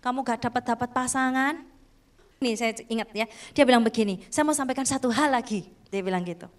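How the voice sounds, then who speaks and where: A woman's voice: on the high side, fairly quick. A woman preacher with an Indonesian accent, telling a testimony in an emotional sermon and often calling out to her listeners. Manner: emotional storytelling, often addressing listeners as "saudaraku".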